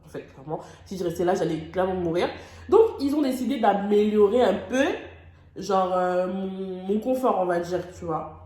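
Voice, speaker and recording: A young woman vlogger recounts her story with raw, dramatic emotion and loose, slangy phrasing. Her voice sits at an ordinary middle pitch. The sound bounces around an echoey room. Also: animated, moderate pace, mellow. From France. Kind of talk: storytime vlog.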